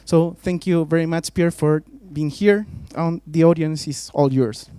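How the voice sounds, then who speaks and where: He takes it slowly, his fairly high voice warm and smooth, with no room sound. As a faculty host opening a formal talk in a university lecture hall, he introduces the guest hesitantly, with many filler sounds and shifts between Spanish and English.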